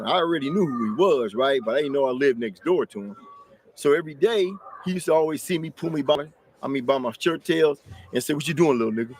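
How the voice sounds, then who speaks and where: A man's voice: on the high side, darkish tone, a little hiss or hum. An older man from Los Angeles, interviewed as a guest, telling his story plainly and matter-of-factly.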